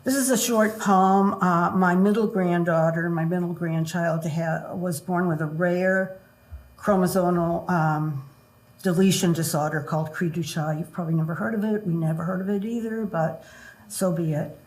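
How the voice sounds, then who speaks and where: An older woman in her seventies reading poems at an open mic, with halting, measured introductions and delivery. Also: fairly low pitch, fairly even intonation, a little mellow, slight background noise, low-quality recording. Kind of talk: poetry reading with short introductions. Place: indoor room at a live open mic event. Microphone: gooseneck podium microphone.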